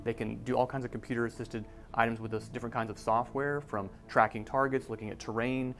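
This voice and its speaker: A man in his forties reporting a news feature, explaining technology in a brisk, conversational way. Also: medium pitch, steady tone, a bit bright. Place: office room.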